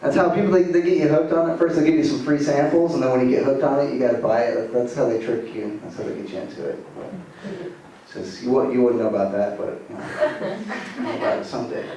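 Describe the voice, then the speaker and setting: A man's voice: mid-range voice, fast talker, mellow. A man in his late twenties from Arizona doing a stand-up comedy set, rambling loosely with lots of filler words. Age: 20s. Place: comedy club stage. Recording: echoey room, voice from far off, audible room noise.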